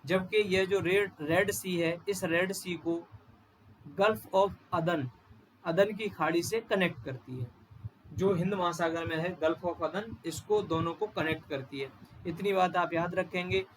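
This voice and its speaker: A male teacher giving an exam-prep geography lecture, pointing at a map and slowly repeating and spelling out place names. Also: sits high, a little hiss or hum, rough recording.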